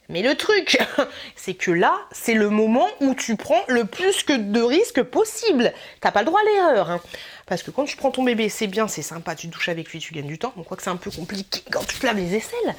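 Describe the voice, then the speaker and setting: A woman YouTuber talking through her wishlist in a casual vlog, chatty and playful, rambling with filler asides. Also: a little high.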